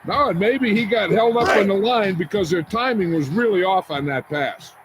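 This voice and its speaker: A man plays a video game's football color analyst with a high voice. He makes folksy, opinionated remarks between plays. Steady hiss sits under the game audio. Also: normal speed, close to an everyday voice. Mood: casual. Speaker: color commentator. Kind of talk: sports color commentary.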